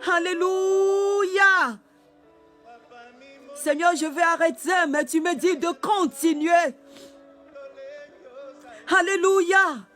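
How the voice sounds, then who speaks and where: A pastor leads prayer and worship exhortation with fervent, repetitive, often shouted delivery. His voice is very high and bright, and he speaks slowly and deliberately over soft music.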